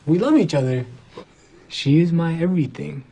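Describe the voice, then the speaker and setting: A man's voice: a little high, animated, moderate pace, gravelly, dark tone, breathy edge, full character voice. An actor playing a dim-witted, easygoing young man who talks in a slangy, laid-back way.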